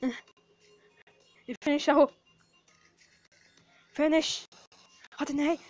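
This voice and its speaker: A woman with an Egyptian accent giving excited commentary over her gameplay, full of exclamations and quick prayers. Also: sits high, no echo, soft background music. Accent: Egyptian Arabic. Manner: excitable, frequent exclamations and prayers under pressure. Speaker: gamer.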